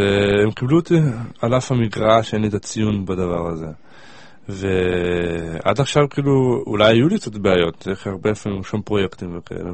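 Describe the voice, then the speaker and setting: A man in a casual chat, explaining things in a slightly halting way. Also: lowish voice, gravelly, a little mellow, no room sound. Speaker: university student.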